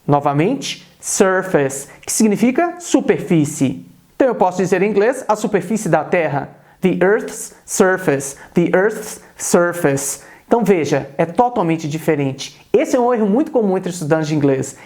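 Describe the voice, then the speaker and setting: Um homem jovem do Brasil, com sotaque brasileiro, dá uma aula em vídeo de pronúncia inglesa e repete devagar cada palavra de exemplo. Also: male voice, sits high, very animated, darkish tone. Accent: Brazilian Portuguese. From Brazil. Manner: repeats example words slowly and deliberately. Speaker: English teacher. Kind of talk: video lesson on English pronunciation.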